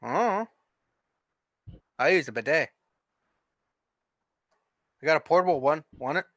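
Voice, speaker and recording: A man playing a tabletop game, improvising casually in a halting, deadpan way. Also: on the high side, no room sound, clean studio sound. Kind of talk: casual improvised role-play.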